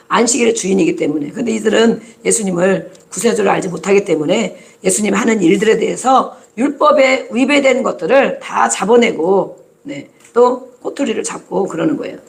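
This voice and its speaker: A preacher delivering a sermon in a voice with a gravelly, creaky grain. The delivery is emphatic and lively, with the voices of ordinary people acted out now and then to make a point. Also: mid-range voice. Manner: emphatic, acts out crowd voices in quotes.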